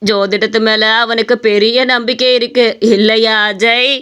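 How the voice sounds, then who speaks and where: A woman voicing a solemn male astrologer who slowly pronounces doom in an animated story. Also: fairly high pitch, clean tone. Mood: ominous. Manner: slow, doom-laden pronouncements.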